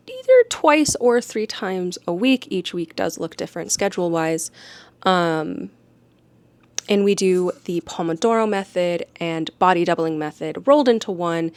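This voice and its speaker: A woman's voice: medium pitch, a little mellow, no echo. A young woman, an audiobook narrator, chatting in a casual, rambling, self-deprecating way at home. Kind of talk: casual vlog chat. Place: home living room.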